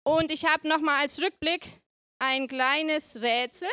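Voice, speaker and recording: A woman's voice: sits high, fairly even intonation, takes it slowly, pushed and bright, no echo. A woman preaching playfully in church, chatting with the congregation and asking them questions. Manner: playful, chatty, asks the audience often. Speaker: preacher at a family service. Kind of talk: lively sermon with questions to the congregation.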